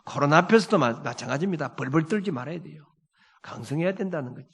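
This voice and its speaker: A middle-aged man preaching a sermon as pastor. His delivery is emphatic, swinging between loud exhortation and quiet storytelling. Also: fairly high pitch, animated, fast, breathy edge. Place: church sanctuary. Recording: long hall reverb in a church.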